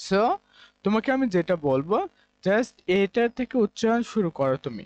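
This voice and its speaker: A man's voice: sits high, very animated, normal speed, a little mellow, dry recording, highs cut off. A man from Bangladesh, teaching English grammar in a classroom-style lesson, explaining step by step and repeating key points.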